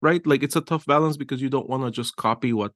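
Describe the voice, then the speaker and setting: This middle-aged art director from Guatemala has a mid-range, fairly bright voice and talks fast, recorded at studio quality with no room sound. He's eager and rambling in a casual interview, restarting sentences frequently and adding "right?" tags.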